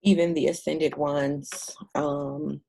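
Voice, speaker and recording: A woman's voice: low voice, level tone, slow, gravelly, mellow, slightly rough, rough recording. A woman giving a casual spiritual reading to camera, blunt and profane, with many fillers. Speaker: spiritual reader.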